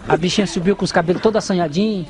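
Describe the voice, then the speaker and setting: High-voiced man spinning a rambling comic story. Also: rapid-fire. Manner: rambling, repeats himself while telling the story. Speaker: comedian. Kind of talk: telling a long comic story.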